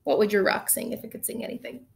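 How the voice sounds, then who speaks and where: Heard via webcam on a video call from a small room, a woman in her thirties talks fast as she leads an online class. She counts beats and reads a picture book aloud in an upbeat way.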